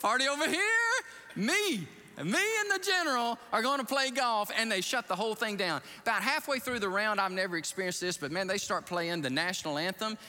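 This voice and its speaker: A man preaching as a pastor, telling a story in an animated, excitable way and jumping up in pitch to act out scenes, in a church sanctuary. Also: fairly quick, hardly any pauses. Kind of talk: storytelling sermon. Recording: reverberant hall.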